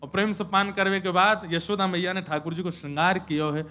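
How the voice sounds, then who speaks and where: Young male preacher, high bright voice, animated storyteller. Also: a little fast. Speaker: kathavachak preacher. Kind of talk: devotional scripture sermon with storytelling.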